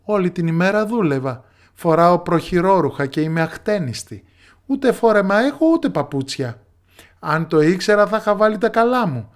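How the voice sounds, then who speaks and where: A man's voice: high-pitched, expressive. A man playing a young bathhouse girl, clever, pleading exclamations, storybook. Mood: composed.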